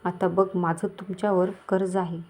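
A woman's voice: lowish voice, little pitch movement, normal speed, dark tone. A woman voicing a scheming, lecherous middle-aged village moneylender who talks in a coaxing, menacing way. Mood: falsely friendly. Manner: coaxing, menacing, falsely kind.

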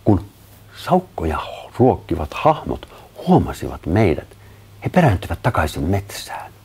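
A man narrating a children's story aloud in an expressive storytelling manner. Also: low voice, breathy edge. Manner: expressive storytelling with lively voiced dialogue.

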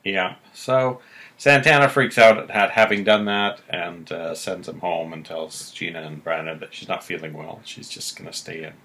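A man co-hosting a podcast, casually recapping episodes with relaxed pauses. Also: low-pitched. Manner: relaxed, recounting plot with pauses. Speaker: podcast co-host.

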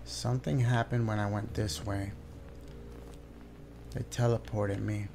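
Young guy streaming a scary game, jumpy and sweary, croaky fry in his voice, music going behind. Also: fairly low pitch, steady tone, a little slow. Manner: nervous, scared horror gamer, swearing often. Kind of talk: casual live game commentary, talking to viewers.

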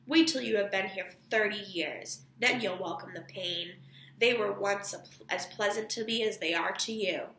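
A woman's voice: medium pitch, moderate pace, fairly bright tone, reverberant, a little hiss or hum, close to an everyday voice. A woman reading aloud the lines of a bitter, violent grown man, with a scornful, harsh delivery.

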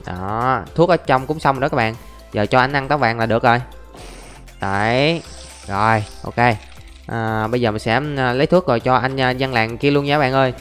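A man's voice: medium pitch, fairly quick, fairly bright tone. A young man chatting casually through his gameplay, narrating every step and calling out to his viewers. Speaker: gaming YouTuber. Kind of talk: casual Let's Play commentary. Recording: faint background music.

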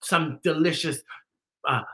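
A middle-aged drag performer hosts a children's story-time show, playful, theatrical, and full of exclamations, while costume fangs slightly get in the way of his words. His voice is a little high, bright, and forceful, and he takes it slowly.

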